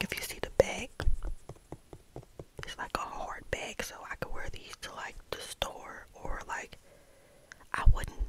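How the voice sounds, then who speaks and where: ASMR vlogger: American woman, soft whisper right in the ear, breathy, close-miked, casual and unhurried chat. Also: rough recording. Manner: unhurried, chatty, close-up talking. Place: bedroom, indoors. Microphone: small desktop condenser mic held close.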